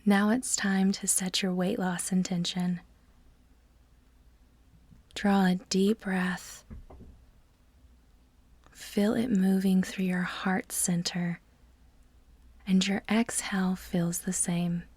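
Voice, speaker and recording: Here a woman narrates a guided meditation in a mid-range, soft, breathy voice that is close to a whisper, with a flat delivery. Her pacing is measured and soothing, with deliberate breaks between phrases, in a dry recording.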